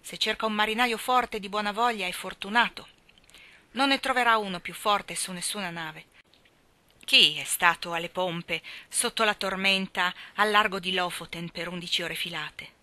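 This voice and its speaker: A woman's voice: medium pitch, normal speed, pushed and bright, no echo, natural voice. A woman reading the lines of a big, strong young sailor who talks in an eager, earnest, storytelling way. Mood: boastful.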